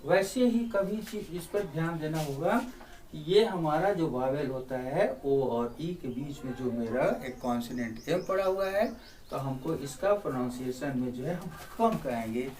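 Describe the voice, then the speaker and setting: A man's voice: a little high, normal speed, darkish tone. An Indian man teaching a spelling lesson, switching between Hindi and English and repeating words to drill their sounds. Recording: distant mic, faint background noise.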